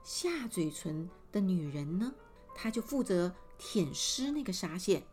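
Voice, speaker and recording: A woman narrating a fairy tale for children, expressive and full of spoken sound effects. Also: fairly low pitch, a little slow, soft background music. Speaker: storyteller.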